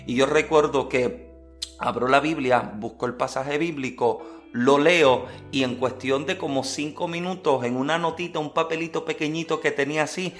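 A man preaching, telling a personal testimony in an earnest, lively storytelling manner. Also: fairly high pitch, moderate pace, soft background music.

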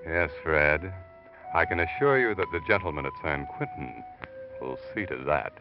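A man's voice: a bass voice, lively intonation, over loud music. A man with an American accent playing a sardonic, all-knowing narrator who taunts a criminal, theatrically, in 1940s radio style. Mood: sardonic, gloating. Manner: mocking, deliberate, theatrical. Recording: dull vintage radio recording.

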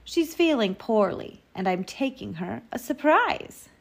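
A woman's voice: fairly high pitch, sing-song, a little slow, creaky, pitched above the performer's own voice, full character voice. A woman playing an innocent, trusting little girl in a storybook, speaking sweetly and politely. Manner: sweet, polite, wide-eyed.

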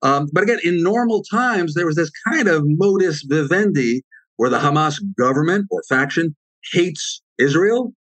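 A man giving long, measured answers as an expert guest, adding frequent asides as he explains. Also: on the high side, animated, fairly bright tone, no room sound, poor audio.

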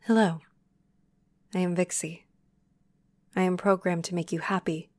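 A woman voicing a female AI android companion that is rebooting after a memory wipe and greeting its user from scratch. She speaks softly and in a measured way. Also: fairly low pitch, steady tone, lightly acted. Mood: freshly rebooted. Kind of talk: audio roleplay.

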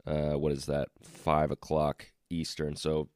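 Deep, froggy hoarse man hosting casually. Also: monotone, measured pace, a little mellow, no room sound, studio quality. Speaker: podcast host. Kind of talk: casual podcast chat.

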